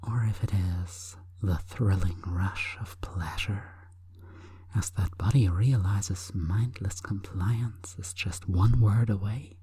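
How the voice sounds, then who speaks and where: In a bass voice with a mellow quality, a female hypnotist guides listeners toward sleep through an intimate monologue. She whispers in a breathy, coaxing, unhurried way, and the recording is dry.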